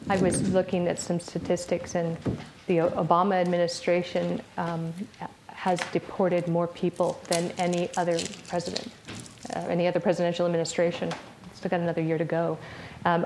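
A woman gives an academic lecture in a lecture room with an audience, taking questions and speaking conversationally with frequent fillers and restarts. Her voice sits on the low side, and there's a little hiss or hum in the recording.

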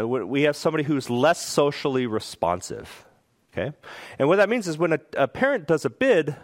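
A man gives an animated public talk, his pitch rising and falling freely as he explains step by step. He keeps checking in with his listeners and slips into high voices to act out parents and children. The sound is dry and close. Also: no room sound. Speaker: speaker giving a research talk.

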